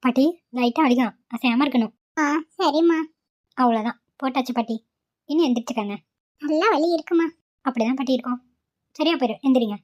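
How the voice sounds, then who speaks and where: A woman voicing a calm, quiet cartoon doctor. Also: high-pitched, fairly quick, lightly acted. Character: calm reassuring female doctor. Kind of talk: cartoon voice acting. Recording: muffled lo-fi recording.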